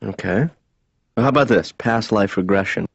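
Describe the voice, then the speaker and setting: A stammering, reluctant grown son. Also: male voice, on the low side, creaky, breathy edge, no echo, muffled recording. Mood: grumbling. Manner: halting, stammering, flat deadpan. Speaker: adult son. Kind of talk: deadpan animated sitcom dialogue.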